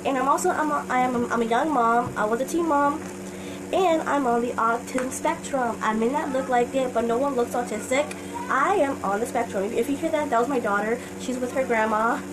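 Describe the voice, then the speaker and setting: A young woman in her twenties chatting casually as a reaction vlogger, rambling and apologetic with many fillers. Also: fairly high pitch. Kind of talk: casual chat. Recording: audible background noise.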